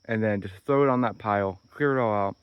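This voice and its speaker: A man with a fairly low voice and a tired, slightly hoarse edge talks outdoors into a handheld camera. His delivery is rambling and upbeat as he thinks out loud. The sound is dry and close, with no room echo. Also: fast talker, muffled recording. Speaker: vlogger. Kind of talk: casual vlog walkthrough. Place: outdoors on wooded property.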